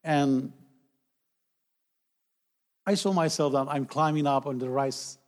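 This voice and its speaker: A man's voice: on the high side, a little mellow. Man preaching in short, plain phrases. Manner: short phrases, pausing for the interpreter, rising to calls to the congregation. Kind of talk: sermon testimony in English, interpreted line by line.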